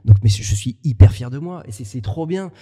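A man from France co-hosting a podcast, talking things through in a halting, reflective way with many restarts. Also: mid-range voice, lively intonation, warm tone, slightly rough, big-room sound. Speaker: podcast co-host. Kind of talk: casual conversation.

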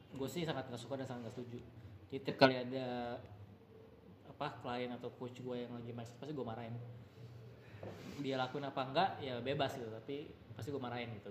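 A man's voice: medium pitch, reverberant, a little hiss or hum. A man who works as a strength coach, talking bluntly and animatedly in a casual discussion, mixing in English phrases.

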